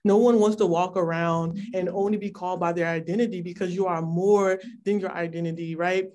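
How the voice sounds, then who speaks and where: A woman in her twenties from California, speaking as an interview guest over a video call in an articulate, measured and earnest way. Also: lowish voice, fairly even intonation, dark tone, slight background noise. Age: 20s. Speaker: policy intern, advocate.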